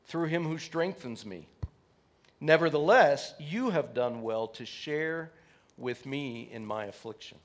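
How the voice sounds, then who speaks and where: Give me a male pastor giving a livestreamed sermon, heard through livestream audio, reading scripture aloud and often pausing on "uh". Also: on the high side, creaky. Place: church sanctuary.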